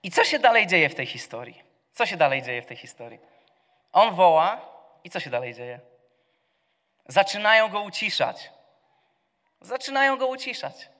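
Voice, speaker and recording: A man preaching a sermon, asking his congregation questions and answering them himself, moving between quiet asides and loud cries. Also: high voice, big pitch swings, normal speed, pauses often. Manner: swings from soft to loud, shouting the cries. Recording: long reverb of a church hall.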